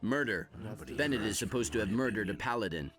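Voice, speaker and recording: An actor playing an indignant, wary mercenary in a video game, blunt and aggrieved. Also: male voice, fairly low pitch, lively intonation, a little fast, music in the background, natural voice. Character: indignant, wary male mercenary smith's comrade. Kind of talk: video game dialogue acting.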